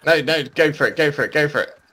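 A man in a casual co-op gaming chat, excitable and quick to yelp and laugh when things go wrong. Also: a little high. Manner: excitable, yelps and laughs during fights. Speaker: gamer.

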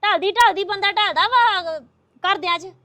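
A woman playing a meek young daughter-in-law who talks softly to calm her mother-in-law. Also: very high-pitched, measured pace, no echo, heavily acted. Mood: soothing. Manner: soft, placating.

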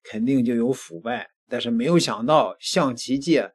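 A middle-aged man giving news commentary into a desk microphone, deliberate, with pauses and emphatic repetition. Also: mid-range voice, husky. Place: small indoor studio at a desk. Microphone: desk microphone close in front.

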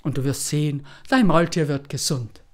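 A woman storyteller voicing a knowing old village woman who gives calm, brisk instructions. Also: low voice, natural voice. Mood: instructive. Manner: soothing, then brisk and instructive.

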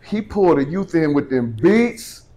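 A man's voice: a little high, very animated, moderate pace, warm tone. Upbeat barber man chiming in. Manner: agreeing, echoing others. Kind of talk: casual chat.

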